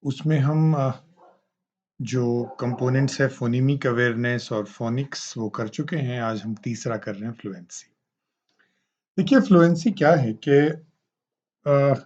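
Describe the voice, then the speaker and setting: A man giving a recorded teaching lecture, explaining slowly and deliberately with hesitant fillers. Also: medium pitch, a little mellow, husky, dull audio. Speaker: teacher educator.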